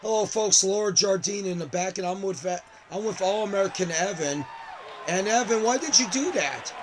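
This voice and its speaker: A man doing a brisk backstage interviewer woman. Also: high-pitched, lightly acted. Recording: loud crowd and game noise.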